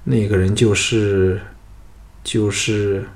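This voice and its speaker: A man reading the lines of a scheming, vengeful young noblewoman in a soft, subdued voice. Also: on the low side, fairly even intonation, takes it slowly.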